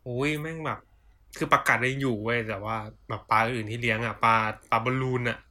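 Bright-voiced young Thai man joking. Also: mid-range voice, brisk. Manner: joking, crude slang, mock-formal sign-offs. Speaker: podcast host. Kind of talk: casual chat among friends.

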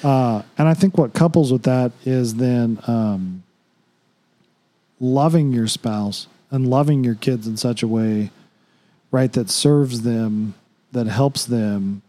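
Mellow-voiced man in casual faith talk. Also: mid-range voice, slow pace. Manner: conversational, many fillers and "you know".

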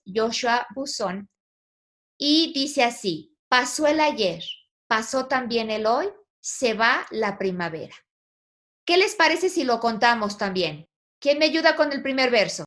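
A woman's voice: a little high, fairly bright tone. Patient woman teaching a poetry class. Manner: patient, questioning, encouraging.

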